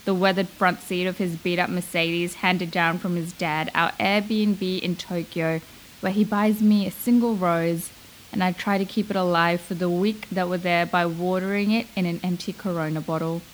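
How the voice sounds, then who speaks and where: A young woman from Malaysia narrating a reflective spoken-word essay, slow and measured, lingering on her phrases. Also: on the low side, fairly even intonation, a little hiss or hum, rough recording.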